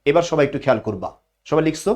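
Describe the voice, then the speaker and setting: Casting note: male teacher, explanatory, pitch a touch high. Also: animated, racing, a little mellow. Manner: explanatory, asks questions and answers them himself. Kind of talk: online class lecture.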